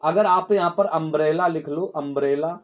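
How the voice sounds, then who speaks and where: A man with a fairly high voice teaches grammar at a moderate pace. Step by step, he explains and repeats key words, often asking his class a question and answering it on his own.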